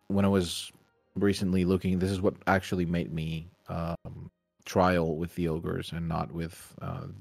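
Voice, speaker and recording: A man with a lowish voice talks loosely and hesitantly in a relaxed podcast chat, often starting over mid-sentence. The sound is close and dry, with faint music underneath. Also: no echo. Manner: rambling, hesitant, many restarts. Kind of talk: casual chat.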